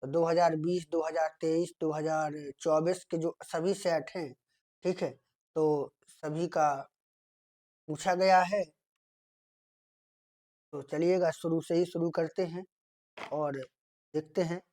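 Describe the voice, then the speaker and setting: Indian man, tutor, steady grammar explainer who reads examples slowly and checks in often. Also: fairly high pitch. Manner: repeats "theek hai" often, asks and answers his own questions; reads English sentences out slowly, as if dictating. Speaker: teacher. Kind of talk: exam grammar lesson.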